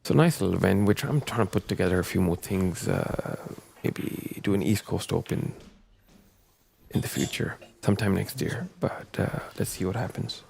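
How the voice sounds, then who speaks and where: A low, gravelly man talks over a snooker match in a halting, unhurried way, full of small pauses and fillers. A faint hiss sits under his voice. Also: sing-song. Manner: hesitant, filler-heavy, soft-spoken. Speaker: guest commentator. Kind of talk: casual snooker commentary.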